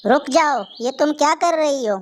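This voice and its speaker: A woman voicing a gentle mother kite bird. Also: sits high, moderate pace, natural voice. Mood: fierce. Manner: gentle, protective and pleading. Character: tender ailing mother kite bird, female. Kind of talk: Hindi cartoon voice acting.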